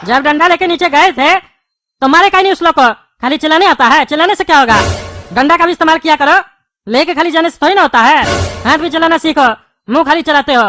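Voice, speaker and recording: A quarrelsome bald cartoon politician scolds and taunts his neighbors, voiced by a woman. The voice sits high and bright. The recording is dry and close, with music underneath. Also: fast talker, dry recording. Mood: scolding. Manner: scolding, taunting, name-calling. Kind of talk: cartoon dubbing.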